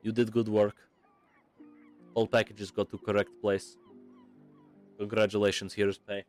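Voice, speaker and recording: A man's voice: lowish voice, little pitch movement, unhurried, a little mellow, soft background music, natural voice. A man voicing a strict female shopkeeper with a put-on Russian accent, giving curt, bossy orders. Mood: stern.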